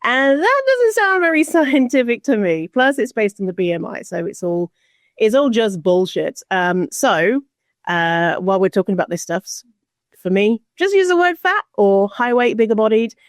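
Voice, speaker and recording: A woman's voice: medium pitch, moderate pace, dry recording, studio quality. Blunt, sarcastic woman podcast guest. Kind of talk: casual podcast discussion.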